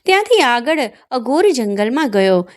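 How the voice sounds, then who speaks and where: A woman narrating a devotional fasting tale in a steady, recited storytelling manner. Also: high-pitched.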